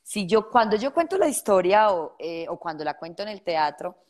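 A woman's voice: mid-range voice, moderate pace. A young adult woman with a Colombian accent, a guest actress telling stories in an interview and acting out other people's voices as she goes. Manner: animated storyteller who acts out others' voices. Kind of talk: storytelling interview.

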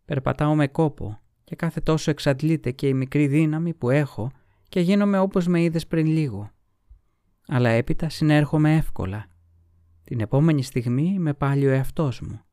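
A man voicing a languid, secretive young noblewoman in a storybook reading, with soft, sighing delivery. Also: fairly high pitch, no room sound, clean studio sound, pitched above the performer's own voice, natural voice. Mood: weary.

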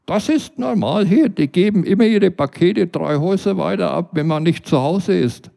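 A man's voice: sits high, moderate pace, gravelly, dark tone, pitched above the performer's own voice. Man putting on a snippy gossipy neighbor woman. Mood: belehrend. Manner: cheeky, teasing.

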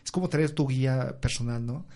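Devout man, mellow voice. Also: normal speed. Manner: reflective and devout, many filler sounds; acts out quoted speech with raised pitch. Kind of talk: personal religious testimony in conversation.

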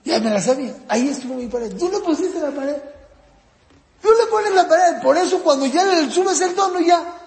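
A man teaching a parenting course in a casual, lively lecture style. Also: normal speed, vocal fry, echoey room, big-room sound. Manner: lively, jumps up and down in pitch acting out parents and kids.

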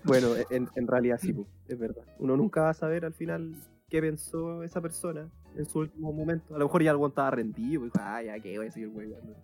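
Chilean male podcast co-host, slightly raised pitch, loose slangy talk full of restarts, faint music under the talk. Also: steady tone, quick pace, few pauses, a little mellow. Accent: Chilean Spanish. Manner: crude slang, stammering restarts. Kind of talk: casual chat.

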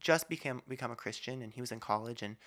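Bright-voiced, talkative podcast host man. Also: medium pitch, quick pace. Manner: talkative, argumentative, uses many asides. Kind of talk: casual faith podcast conversation.

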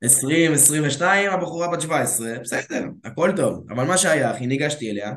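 A man's voice: on the high side, animated, fairly bright tone. A man talking as a dating coach in casual chat, calling his listener bro and acting out bits of dialogue. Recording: roomy echo.

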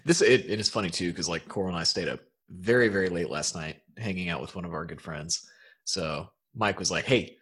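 A man's voice: deep voice, brisk, husky. A man co-hosting a casual podcast, tired, laughing easily as he talks. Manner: laughs easily, relaxed storytelling. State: tired, no coffee yet. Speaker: podcast co-host.

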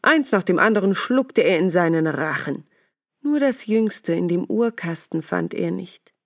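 Slow, calm woman reading a fairy tale. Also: on the low side, no room sound, studio quality. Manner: slow, calm, clear storytelling. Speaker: storyteller.

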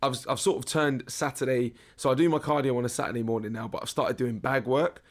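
A young British man with a hoarse, worn-out voice, hosting a casual podcast in a jokey, slangy, rambling way. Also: medium pitch, fairly even intonation, fast talker. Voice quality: hoarse, strained voice. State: hoarse, losing his voice. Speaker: podcast host. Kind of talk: casual solo podcast chat.

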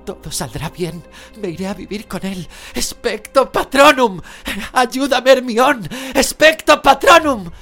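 A man voicing a brave, desperate teenage boy wizard in an audiobook, with high, strained shouting. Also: wildly swooping pitch, slow pace, hardly any pauses, breathy edge, faint music behind, exaggerated voice.

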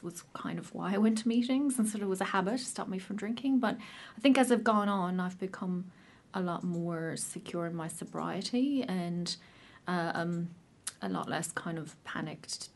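Here a woman from Ireland, probably in her thirties and speaking with an Irish accent, recounts her own recovery in a relaxed but halting way, full of pauses and fresh starts. Her voice runs low and slightly mellow.

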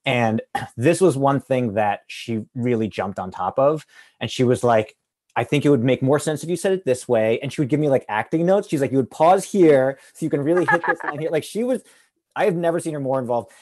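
A man's medium-pitched, darkish voice runs a little fast as he rambles through a story on a film panel. The actor's storytelling is casual and loose, peppered constantly with "like."

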